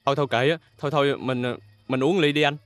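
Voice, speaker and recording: A man's voice: medium pitch, fairly even intonation, fast talker, a bit bright, clean tone, no room sound, close to an everyday voice. An actor playing a fawning young man, ingratiating and giggly.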